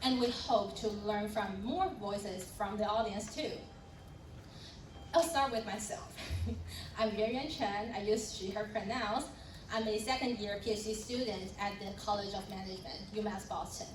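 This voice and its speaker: A young woman from Taiwan introduces a panel in a friendly way, with fillers and light laughs. She is picked up from a distance in a roomy hall, with steady background noise underneath. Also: mid-range voice, normal speed. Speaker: panel moderator.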